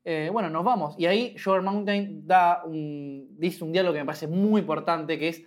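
A man, hosting a casual podcast chat and retelling scenes with lively quoted lines. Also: a little high, moderate pace. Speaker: podcast host.

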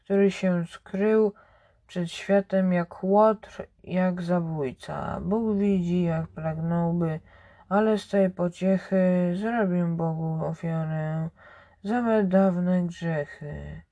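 A reader reciting epic poetry aloud in a slow, careful way, often restarting words. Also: mid-range voice, dark tone, muffled recording.

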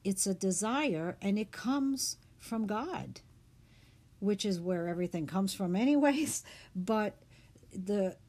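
A woman hosting a reflective talk on the meaning of words, speaking in an unhurried, thoughtful way with fillers. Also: mid-range voice, animated, darkish tone.

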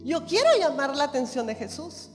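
A woman's voice: high voice, lively intonation, normal speed, darkish tone. A woman preaching a sermon, emphatic and repetitive, with frequent calls of amen. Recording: reverberant hall with faint music.

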